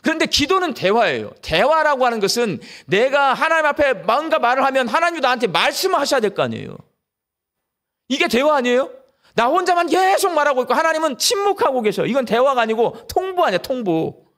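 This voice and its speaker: A middle-aged man delivers a sermon with a notably high, bright-pitched voice that swings widely up and down. He talks straight at the congregation, peppering them with rhetorical questions. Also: very animated, fairly quick. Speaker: pastor. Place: church during a live service.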